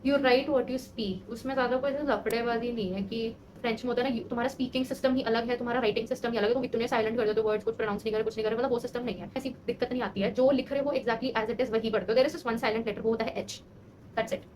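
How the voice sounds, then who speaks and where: A woman's voice: a little high, steady tone, fast, darkish tone, a little hiss or hum, poor audio. A woman in her twenties chatting casually for a vlog, self-mocking and exasperated as she talks through her struggles. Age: 20s. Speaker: vlogger, language learner. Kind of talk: casual talking-head vlog.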